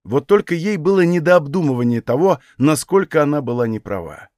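An audiobook narrator reads a fantasy novel in an even, steady storytelling voice pitched a little high, acting out the dialogue. He keeps a measured pace, and the recording is dry and close with no room sound.

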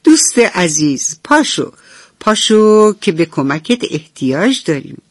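A woman's voice: lowish voice, big pitch swings, dry recording. A woman voicing an eager, helpful screwdriver who talks in a cheerful, coaxing way in a radio bedtime story.

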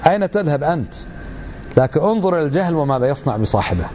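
A middle-aged man delivers a religious lecture at a rapid clip, pressing his points with rhetorical questions. His voice sits a little high. The recording is dull and lo-fi, with a faint hiss underneath. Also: sing-song, dark tone. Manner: emphatic, full of rhetorical questions.

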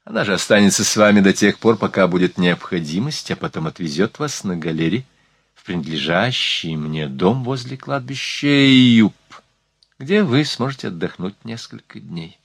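A gracious, worldly sultana, read by a man in a low voice, speaking in a soft, slightly lisping whisper. She is confiding and decisive, with a light teasing edge. The recording is close and dry. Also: expressive, moderate pace, breathy edge, no room sound. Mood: reassuring.

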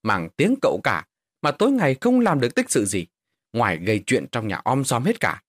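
A man's voice: mid-range voice, very animated, a little fast, no echo, clean studio sound. A man voicing a spiteful second wife in a folk ghost story, scornful and nagging.

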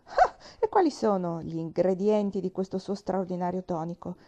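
A woman reading aloud, voicing an irritated young male nurse with a sharp, questioning manner. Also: lowish voice, animated, moderate pace, highs cut off, close to an everyday voice. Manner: irritated, then wry.

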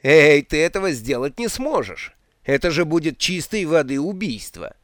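A man's voice: fairly high pitch, sing-song, moderate pace, no echo, clean studio sound. A man voicing a jittery cowardly male wizard who protests indignantly in a raised voice. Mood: defiant.

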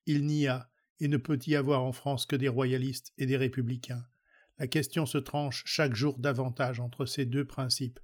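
A man reads an old speech aloud at a steady, measured pace. His pitch sits in an ordinary middle register and barely moves, so the delivery stays level and even. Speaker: reader. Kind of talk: reading a historical speech aloud.

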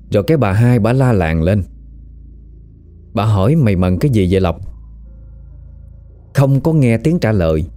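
Lively Southern Vietnamese man telling a story. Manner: lively, colloquial, rises in pitch at tense moments. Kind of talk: casual spoken storytelling.

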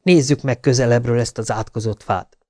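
Guy doing a frantic desperate man in an audiobook, voice pushed up higher than the narration, dry sound. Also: a little mellow, no echo, lightly acted. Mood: urgent. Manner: urgent, raising the voice in distress. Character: desperate grown man searching for a woman. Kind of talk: audiobook character reading.

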